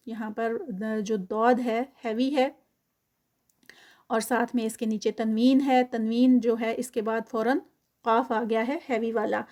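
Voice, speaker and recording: A woman teaching Quran tajweed, reciting slowly and drawn out, then explaining quickly in mixed with English terms. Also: fairly high pitch, a little mellow.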